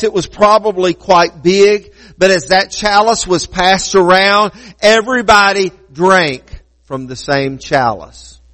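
Pastor guy with a high voice preaching, hammers points by repeating them slow, teasing asides to the pews. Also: fairly bright tone, in a large hall, low-quality recording. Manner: emphatic, repeats key phrases slowly; playful asides to congregation. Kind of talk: sermon.

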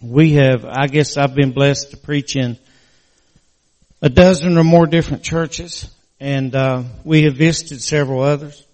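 An older West Virginia man preaches a church sermon in an earnest, halting, folksy manner, his words slightly slurred by a mouth left crooked after surgery. His voice is medium-pitched, steady, and darkish. The low-quality recording was made in a large hall.

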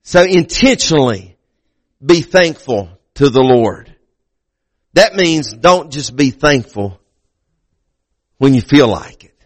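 A man's voice: medium pitch, expressive, takes it slowly, long pauses, no room sound. A man preaching a sermon as pastor in a church, building emphasis with repeated phrases. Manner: preaching with rising emphasis and repetitions.

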